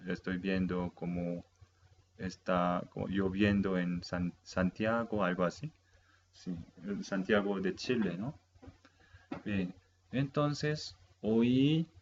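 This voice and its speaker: A man teaching a language lesson in a casual video, slowly repeating words for learners to say after him. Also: fairly low pitch, dull audio, slight background noise.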